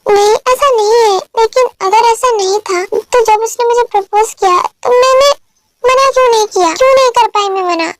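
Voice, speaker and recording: A woman's voice: extremely high pitch, normal speed. A woman voicing a flustered, stubborn young woman in love, talking in a pleading, self-questioning way in an amateur dubbed romance drama. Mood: anxious.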